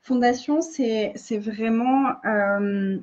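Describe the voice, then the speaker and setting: A woman's voice: a little high, very slow, a little mellow, dull audio. A woman facilitator giving earnest casual coaching in a live video, often restarting and repeating phrases.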